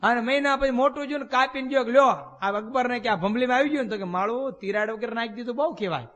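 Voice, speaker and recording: A man, a swami preaching in a temple hall, and his voice sits very high for a man. He tells folksy tales and keeps asking his listeners rhetorical questions. The sound rings with a long hall reverb. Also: quick pace, fairly bright tone. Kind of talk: storytelling sermon.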